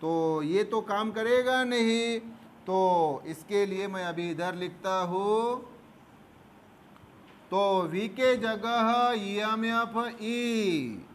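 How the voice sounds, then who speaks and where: A man's voice: high-pitched, very slow. A male physics teacher, explaining a problem at the board. He talks patiently, calls his students fondly and answers his own questions. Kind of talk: board lesson. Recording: faint background noise.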